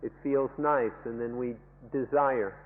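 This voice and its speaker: A man's voice: medium pitch, very slow. A man interpreting a dharma lecture into English, emphatic, restating each point in several wordings. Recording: lo-fi phone-like archival tape with long reverb.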